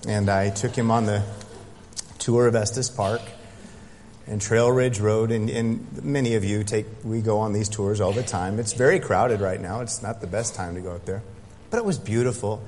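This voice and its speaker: A man's voice: on the low side, normal speed, a little hiss or hum. A man preaching a sermon as pastor, speaking emphatically to his congregation. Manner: building from quiet prayer to loud, emphatic preaching. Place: church sanctuary. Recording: long hall reverb.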